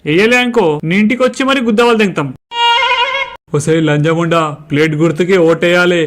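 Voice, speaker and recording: A man's voice: high voice, fairly quick, natural voice. A man playing a brash, crude male campaign worker who threatens voters, in a Telangana Telugu accent. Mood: crude boastful.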